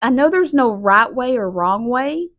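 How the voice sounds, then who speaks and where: Woman, 40s, podcast host; raw, halting emotional monologue, dry close sound. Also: a little high, expressive, a bit bright, no echo, dull audio. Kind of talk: personal monologue.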